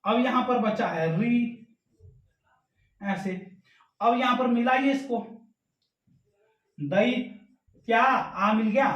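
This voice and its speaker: High-voiced man teaching in an echoey room. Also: distant mic, dull audio. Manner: asks and answers his own questions; recites rules slowly, syllable by syllable. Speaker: Sanskrit grammar teacher. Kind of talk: explanatory grammar lesson. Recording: echoey room, voice away from the mic.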